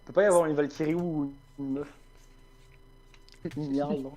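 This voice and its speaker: Higher-pitched mellow man chatting. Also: steady tone, moderate pace, highs cut off. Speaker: tabletop game player. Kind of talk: casual slangy chat.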